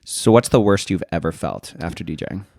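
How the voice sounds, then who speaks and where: Male podcast host, low-pitched, dry close mic, curious and probing interviewer. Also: fairly quick, gravelly, a little mellow, no room sound. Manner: probing, thoughtful questioning. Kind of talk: interview conversation.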